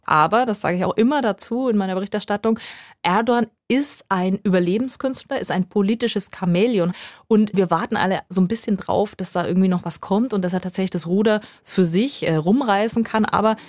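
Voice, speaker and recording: A woman reporter explaining events in a relaxed conversational way, using everyday examples from her own life. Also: medium pitch, a little fast, no echo, clean studio sound. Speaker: foreign correspondent guest. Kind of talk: conversational podcast interview.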